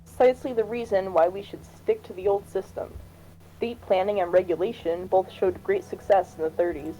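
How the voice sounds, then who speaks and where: In a fan reading of a political game, a woman voices a firm, cautious female cabinet minister defending state planning, sounding formal, insistent and cautioning. Her voice is medium-pitched, steady and dark, close to an everyday voice, at normal speed. The audio is poor, with music behind her.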